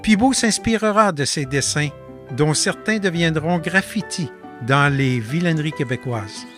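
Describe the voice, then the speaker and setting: With faint music underneath, a man whose voice runs on the high side narrates his artist-residency documentary in a calm, measured voice-over, his Quebec French accent clear.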